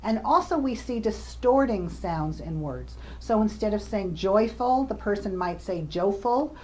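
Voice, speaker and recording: In this recorded lecture, a female researcher covering communication disorders walks through her points and offers examples, occasionally using fillers. She sounds expressive and unhurried, with a medium-pitched, dark voice over slight background noise.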